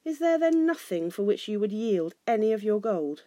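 A woman's voice: mid-range voice, very animated, moderate pace, dark tone, no echo, lightly acted. A woman playing a male human leader in a storybook, a firm, defiant negotiator speaking formally. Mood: formal, challenging.

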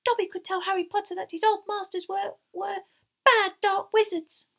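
Playing a timid, loyal male house elf in a storybook, a woman uses a squeaky, excitable, deferential voice with broken grammar. Her pace is moderate and the mood is fearful.

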